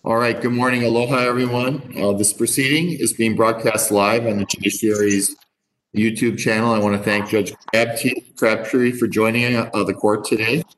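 Low-voiced male presiding judge. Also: fairly even intonation, normal speed, fairly bright tone, a little hiss or hum, rough recording. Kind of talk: formal court proceedings talk.

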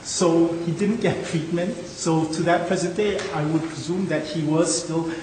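Halting man arguing in an echoey courtroom. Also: on the high side, steady tone, darkish tone. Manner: halting, hedging, informal phrasing. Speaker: lawyer arguing an appeal. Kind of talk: oral argument in court. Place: indoor courtroom. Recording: echoey courtroom, faint noise.

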